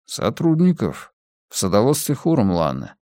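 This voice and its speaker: A male audiobook narrator voicing a cautious police colleague who speaks hesitantly and slowly. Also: on the low side, huge pitch swings, warm tone, no echo, studio quality.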